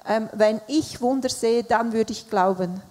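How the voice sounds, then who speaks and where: A woman with a somewhat high voice interprets a sermon live, following the preacher closely. She occasionally hesitates or corrects herself. A long reverb hangs over the church hall. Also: unhurried, darkish tone. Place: church service.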